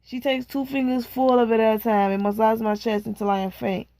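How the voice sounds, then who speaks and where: A woman reading a novel aloud in a slow, measured way, stopping now and then to chat casually. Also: on the high side, little pitch movement, dark tone, no room sound. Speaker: reader.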